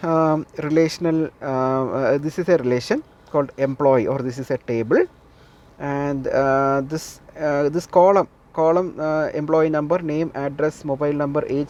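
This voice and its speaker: A man's voice: on the high side, dark tone, highs cut off. A man lecturing a class, repeating key points and often checking with the listeners that they follow.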